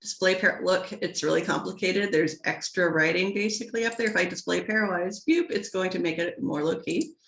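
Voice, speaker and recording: A woman's voice: on the low side, a little fast, creaky, few pauses, fairly bright tone, roomy sound. A woman teaching statistics in a casual recorded lecture, chatty and playful, interrupting herself and adding little sound effects. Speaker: statistics instructor.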